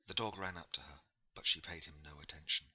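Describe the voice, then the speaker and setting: A man narrating a novel in a measured, unhurried storytelling manner. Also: extremely low pitch, fairly even intonation, bright, forceful tone, breathy edge, highs cut off. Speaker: audiobook narrator. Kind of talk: scripted narration.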